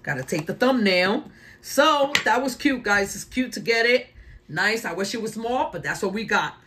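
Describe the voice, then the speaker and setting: A woman's voice: mid-range voice, animated, moderate pace, fairly bright tone. A woman hosting casual scratch-card play-along commentary, calling out numbers in short phrases. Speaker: host of a lottery scratch-off channel.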